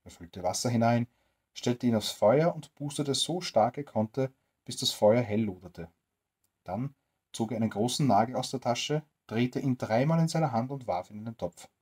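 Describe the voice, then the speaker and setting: A storyteller reading a bedtime story aloud to children, in a gentle, expressive way. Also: mid-range voice, moderate pace, husky.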